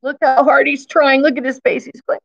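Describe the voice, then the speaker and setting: Speaking in a high, flat, gravelly voice at a brisk clip, a woman in her fifties reads a picture book to young children in a classroom. Like a teacher, she repeats key phrases and offers simple explanations. The recording's high frequencies are cut off.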